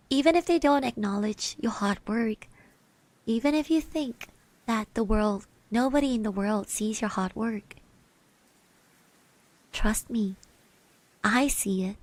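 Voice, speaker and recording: Slow and full of long pauses, a woman's high-leaning voice plays a shy, caring schoolgirl classmate in a soft, partly whispered ASMR roleplay, hesitant and bashful yet gently encouraging. The rough recording has no room sound. Her mood is tender and reassuring.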